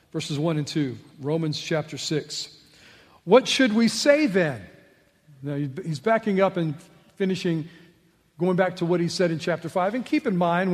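A man preaching a sermon as pastor, emphatic, swinging between loud rhetorical questions and quiet asides. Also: fairly high pitch, big-room sound.

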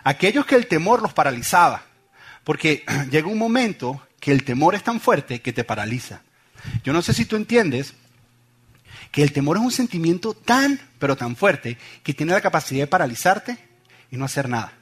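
A man's voice: fairly high pitch, normal speed, husky. A middle-aged man, preaching a sermon with funny anecdotes and acted-out voices. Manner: animated storytelling, acts out voices. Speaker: pastor.

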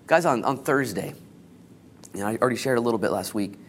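An American man preaching an informal sermon as a pastor, exhorting in casual, slangy language and shifting between hushed and emphatic delivery. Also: mid-range voice, animated, fast, slight background noise. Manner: casual, colloquial, exhorting, with slangy asides and acted-out quotes.

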